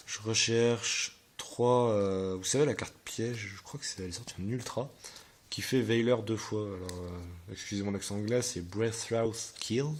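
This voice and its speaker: A man with a very low voice chats casually to viewers about his card binder. He rambles and hesitates often, filling pauses as he goes, with a faint hiss behind him. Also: darkish tone. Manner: hesitant and rambling, many fillers.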